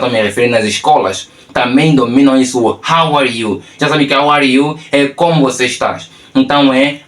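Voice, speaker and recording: A man's voice: medium pitch, a bit bright, roomy sound. A man from Angola with an Angolan Portuguese accent, teaching an online lesson and explaining step by step with repeated tag questions. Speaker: English teacher and mentor.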